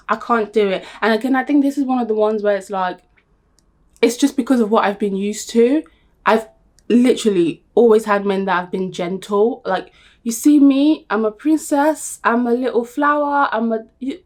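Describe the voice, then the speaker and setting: A young woman talking to camera in a blunt, emphatic, animated way, laughing often. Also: mid-range voice. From Nigeria. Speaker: vlogger. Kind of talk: casual talk to camera.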